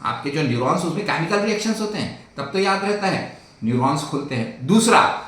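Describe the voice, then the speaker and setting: A man's voice: a little high, animated, brisk, fairly bright tone, recorded from a distance. An older man, a doctor, telling a patient's story and giving earnest, folksy advice, repeating his key points. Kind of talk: storytelling talk to camera. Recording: very echoey room.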